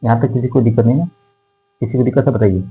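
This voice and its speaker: A man's voice: medium pitch, steady tone, slightly rough, highs cut off, soft background music. A male math teacher explaining decimals to a class, reading out numbers digit by digit and checking in with his students again and again. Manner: repetitive, checks in with "theek hai" constantly; dictates numbers slowly digit by digit. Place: classroom with whiteboard.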